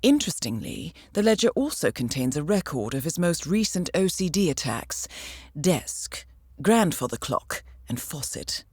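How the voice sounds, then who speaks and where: A woman plays a video game mission handler, a poised intelligence agent briefing an assassin in a cool, businesslike way, formal and dryly witty. Her voice is low, husky, and darkish, sing-song and exaggerated at a normal speed, with no room sound.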